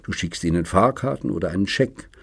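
A man voicing a lonely, generous old man in an audiobook, speaking in a measured, earnest way. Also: low-pitched, animated, creaky, breathy edge, no echo, clean studio sound, full character voice. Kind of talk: audiobook reading.

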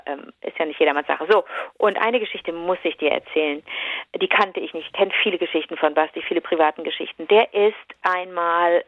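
A woman recounts a long story in relaxed conversation, rambling and lively, full of hesitations and restarts. The sound is dry and slightly dull, like a lo-fi recording. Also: on the low side, dry recording. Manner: animated, rambling retelling with many fillers and restarts. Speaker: podcast co-host telling an anecdote. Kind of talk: casual storytelling chat.

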